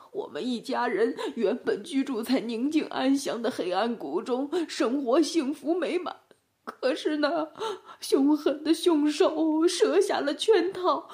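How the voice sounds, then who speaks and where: A woman doing a sobbing wolf father. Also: sits high. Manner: sobbing, loud and pleading. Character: grieving male wolf, pleading for justice.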